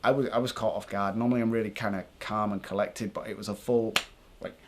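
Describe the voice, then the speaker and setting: A man's voice: fairly low pitch, fairly even intonation, quick pace. A British man talking casually and informally to viewers as a paranormal vlogger, thinking aloud as he explains.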